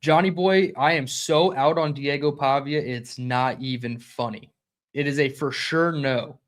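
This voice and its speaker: A young man hosting a live-streamed sports reaction show, talking fast and conversationally and reading out chat comments. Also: mid-range voice, fairly even intonation. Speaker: podcast host.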